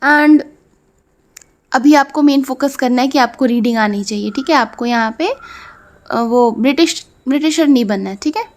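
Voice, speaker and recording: A woman with an Indian accent teaching a phonics lesson to children. She sounds out letters slowly and checks for understanding. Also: high voice. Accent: Indian English. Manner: slow, drawn-out sounding of letters; repeats "theek hai" to check understanding.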